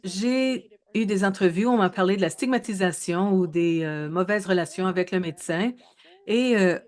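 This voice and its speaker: A woman in her thirties giving a research presentation in a webinar, speaking in a measured way with frequent hesitations and self-corrections. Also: medium pitch, darkish tone. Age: 30s.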